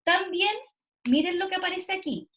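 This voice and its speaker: Lady teaching kids online, kinda high voice, keeps checking they follow. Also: moderate pace, a bit bright. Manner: explanatory, frequent "¿cierto?" check-ins. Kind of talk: online class explanation. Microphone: video call.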